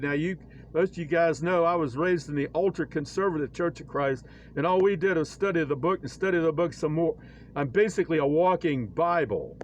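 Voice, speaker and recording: A man with a somewhat high voice talks through his own drawings in a casual, halting way, full of fillers and restarts. His tone is preachy and wry. A faint hiss of ambient noise sits under the recording. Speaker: church critic presenting his own illustrations. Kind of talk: casual screen-share commentary.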